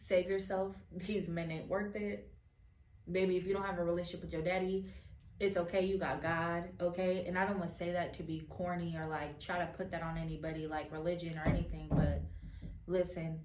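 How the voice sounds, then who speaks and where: A young woman telling a personal story straight to camera, animated and frank, swearing and calling viewers baby and child. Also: fairly low pitch. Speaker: vlogger. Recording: roomy room with faint noise.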